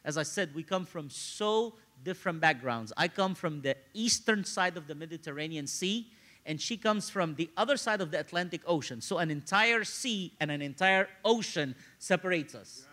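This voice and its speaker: A male preacher from Egypt, raised in Cairo, gives a sermon packed with personal stories, speaking conversationally and repeating phrases to hammer points home. His high, bright voice swings widely in pitch, expressive and at a normal speed.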